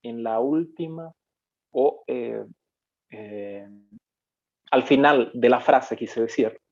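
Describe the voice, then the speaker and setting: Slow-speaking teacher, muffled sound. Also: male voice, medium pitch, a little mellow. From Paraguay. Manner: explanatory, with frequent fillers and self-corrections. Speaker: Guarani language teacher. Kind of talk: live online lesson, reading comments.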